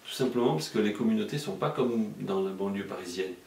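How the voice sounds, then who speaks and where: Man, journalist guest, hesitant with many fillers, deep voice, far from the mic. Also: brisk, gravelly, darkish tone. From Marseille, France. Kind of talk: casual explanatory interview talk. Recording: echoey room, mic far off.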